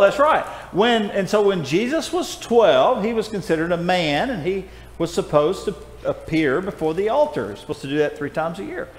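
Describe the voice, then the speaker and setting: Recorded from far away in an echoey church auditorium with faint noise, a high-voiced older man teaches a Bible class for children. He's friendly and coaxing, calling on the kids by name.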